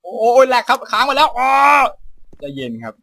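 A man hosting a game channel, playing with friends and reacting loudly, swearing and crying out in alarm. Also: very high-pitched, fairly quick. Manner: loud, excitable, swears a lot, cries out in alarm. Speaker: gaming channel host. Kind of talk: let's play commentary with friends. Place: room full of players.

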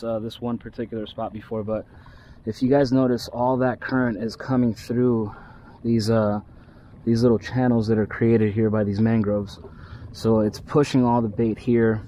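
Excited man fishing from a skiff. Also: mid-range voice, slight background noise, low-quality recording. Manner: excited, chatty, talks to the fish and viewers. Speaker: fishing vlogger. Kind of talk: casual on-the-water commentary. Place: outdoors on a small skiff on open water. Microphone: action camera on his body.

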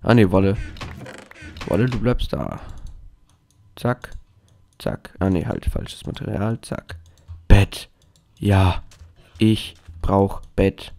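A man's voice: deep voice, animated, slow, gravelly, long pauses, darkish tone. A man giving casual gameplay commentary, hyper and jokey, rambling to himself. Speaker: let's play gamer.

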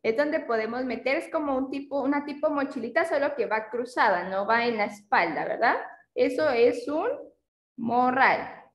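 High woman's voice, kindergarten teacher, slow and patient, echoey room. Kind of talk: online class with young children.

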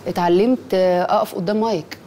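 A woman's voice: mid-range voice, fairly even intonation, fast talker, warm tone, a little hiss or hum. A woman with an Egyptian accent, a singer chatting as a guest in an interview. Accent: Egyptian Arabic. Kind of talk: casual interview chat.

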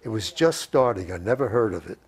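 This is an animated, husky, fairly quick voice on the low side: a man in his 80s, a World War II veteran, telling rambling stories in an interview. Recorded with a lapel mic in his home living room, he repeats phrases and recalls exact words people once said.

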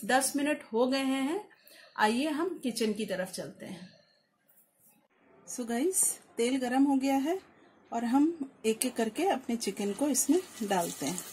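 This home cook has a high-pitched, darkish voice with lively intonation and a slow pace. She voices a step-by-step cooking tutorial for her channel, mixing in English, while food sizzles and is stirred in the background.

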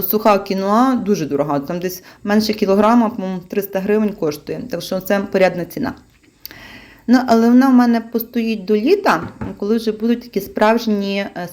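A woman's voice: mid-range voice, darkish tone. Chatty woman vlogger unpacking groceries. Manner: chatty, with frequent fillers and laughs. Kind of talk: casual chat.

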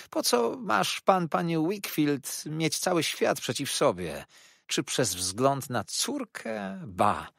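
A man voicing an oily, scheming young male clerk who fawns and threatens in a shrill, drawn-out whine. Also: fairly bright tone, no echo, clean studio sound, heavily acted. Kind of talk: audiobook character voice.

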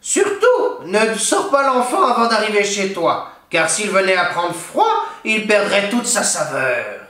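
A lonely, cantankerous old witch from a children's storybook grumbles in a high, slow, plaintive voice, put on by a male reader. She drags out her words and sulks. The reading has a roomy echo around it. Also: wildly swooping pitch, pushed and bright, heavily acted. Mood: sly.

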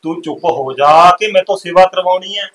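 A man with a Punjabi accent playing an irritated husband who gives gruff commands. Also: sits high, fairly quick, fairly bright tone, reverberant, low-quality recording. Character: irritated young husband defending his widowed sister-in-law.

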